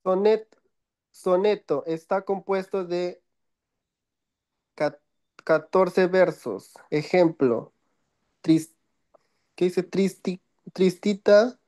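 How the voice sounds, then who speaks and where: Young male student, slow and mellow-toned, reads notes haltingly over his phone. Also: high-pitched. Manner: halting, stumbling, self-correcting. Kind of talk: reading notes aloud in class.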